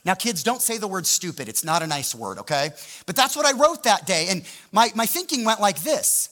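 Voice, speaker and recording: A man's voice: high voice, sing-song, normal speed, sharp tone. A man preaching a sermon as pastor, telling stories animatedly and asking the audience rhetorical questions. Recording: long hall reverb.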